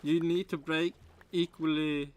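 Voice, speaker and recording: A Swedish man, a native speaker with a Swedish accent, streams a reaction to a video, rambling casually in broken English and restarting often. His voice is a little high, fairly flat in pitch, and unhurried.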